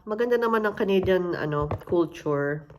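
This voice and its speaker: A woman's voice: lowish voice, expressive, normal speed, a little mellow, faint music behind. A Filipino woman with a Filipino accent, telling her story in a casual, conversational way and slipping English phrases into her talk. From Philippines. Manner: conversational, mixes in English phrases, acts out other people's voices. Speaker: interviewee sharing her immigrant story.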